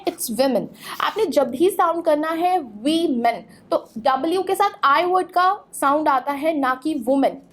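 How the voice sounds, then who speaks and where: A woman teaching English pronunciation in a clear, instructive lesson, spelling words out letter by letter. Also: high voice. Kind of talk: explanatory lesson.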